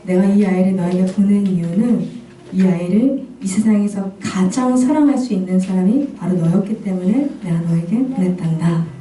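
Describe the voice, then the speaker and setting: A woman voicing God as a tender, consoling presence who speaks softly and slowly to a grieving mother, in a quote within her church talk. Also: medium pitch, slight background noise, pitched below the performer's own voice, close to an everyday voice. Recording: echoey church hall, far from the mic.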